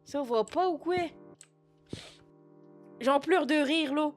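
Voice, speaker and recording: A man puts on a scatterbrained sixty-year-old shop clerk who swears freely and sniffles between rambling sentences. The voice sits high, with a put-on Picard and Norman patois accent. It is flustered and self-mocking, spoken into a computer mic at home. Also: slow pace, soft background music. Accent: put-on Picard and Norman patois mix. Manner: chatty, flustered, self-mocking asides to chat. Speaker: streamer doing roleplay. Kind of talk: live-streamed game roleplay.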